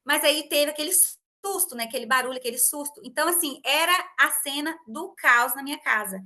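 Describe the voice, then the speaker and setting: Bright high-voiced woman telling a story. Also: a little fast. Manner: animated storyteller, acts out family dialogue. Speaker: host. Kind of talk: casual podcast conversation.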